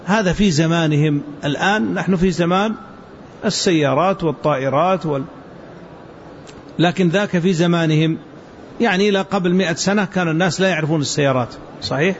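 A man teaching a hadith lesson to students, explaining word forms slowly and repeating them so the class can follow. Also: a little high. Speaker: religious teacher. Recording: dull lo-fi with faint hiss.

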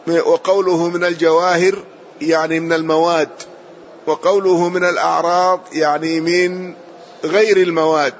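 Male teacher, fairly high voice, methodical line-by-line explanation that repeats itself for clarity, lo-fi hissy recording. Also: little pitch movement. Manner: measured explanation, repeats and rephrases, closes points with a short affirmation. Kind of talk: classical text lesson, explaining line by line. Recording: muffled lo-fi audio with faint hiss.

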